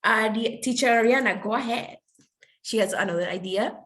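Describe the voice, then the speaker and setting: A woman's voice: a little high, moderate pace, fairly bright tone. A woman teaching an English class over a video call, who explains patiently with everyday examples and keeps checking in with her students. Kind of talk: online class, switching between English and Spanish. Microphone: computer mic on a video call.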